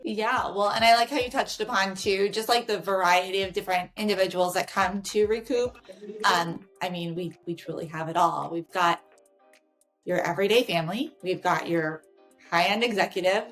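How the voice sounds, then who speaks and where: A woman's voice: medium pitch, moderate pace, fairly bright tone. A woman with a mid-range voice hosts a podcast, asking questions and cheering on her guest. Faint music plays underneath. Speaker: podcast host. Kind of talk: casual interview.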